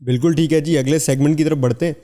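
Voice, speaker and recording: A male podcast host fires off upbeat, brisk questions in a fairly high, mellow voice. His voice carries a long reverb from the room around him. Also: steady tone. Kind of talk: podcast interview.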